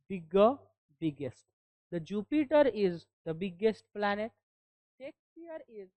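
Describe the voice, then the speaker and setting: A woman teacher from India, speaking in a fairly high voice at a slow, deliberate pace. She reads rules aloud word by word, asks her class questions and answers them herself. The sound is dry and close, with little room echo. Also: a little mellow. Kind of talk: classroom grammar lesson.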